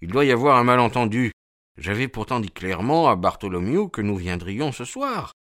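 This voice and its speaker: Nervous fussy gentleman, read by a man, anxious and hurried, audiobook, dry sound. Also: medium pitch, sing-song, no room sound, voice pushed up.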